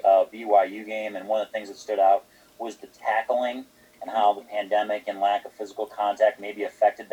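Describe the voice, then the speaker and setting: A man's voice: fairly low pitch, dark tone, breathy edge. Brief: male reporter, long winding question, dull lo-fi sound. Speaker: sports reporter. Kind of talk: press conference question. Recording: dull, muffled audio.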